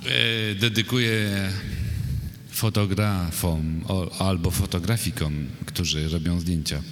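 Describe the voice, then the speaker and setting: A man giving a poetry reading in slow, measured recitation, with dry asides to the audience. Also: low voice, fairly even intonation, a bit bright, a little hiss or hum. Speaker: poet reading his poems. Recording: echoey hall with long reverb.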